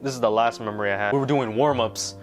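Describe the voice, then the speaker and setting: Brief: young male vlogger, casual rambling storyteller, mid-pitch, faint music under the voice. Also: fairly even intonation, quick pace. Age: young adult. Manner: rambling, keeps tagging "right?".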